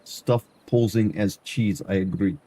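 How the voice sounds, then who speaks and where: A man's voice: sits low, unhurried, mellow, slightly rough. A man streaming live, chatting loosely through gameplay and often stumbling over and repeating his words.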